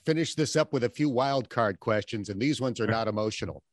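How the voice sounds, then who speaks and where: A man hosting a podcast, asking a guest questions in a relaxed, easygoing way. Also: medium pitch, brisk, no room sound, clean studio sound. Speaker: radio broadcaster and podcast host. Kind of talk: interview questions.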